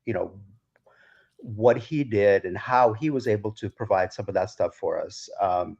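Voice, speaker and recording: A man's voice: lowish voice, a little slow, creaky, darkish tone. A man from Ukraine, a DJ guest on a podcast, telling a long story in a rambling way with many restarts. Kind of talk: casual storytelling interview. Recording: dull lo-fi sound.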